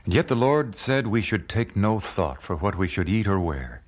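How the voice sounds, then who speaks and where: A man with a lowish, very animated voice speaks at normal speed, acting as an earnest, devout 19th-century family man in a radio drama. He's reflective, hesitant and earnest across narration and dialogue.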